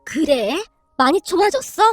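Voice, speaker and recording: A woman's voice: high-pitched, sing-song, measured pace, dry recording, soft background music. A woman voicing a meek middle-aged mother-in-law, eager and trying hard to sound tough.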